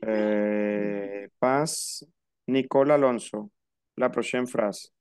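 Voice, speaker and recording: A man teaching French over a video call, explaining each rule slowly and patiently and repeating it. His voice is smooth and clear. The sound is close and dry, with no room around it. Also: on the low side, a little mellow, no echo. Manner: patient, repeats and spells out rules. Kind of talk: online class explaining French in Spanish.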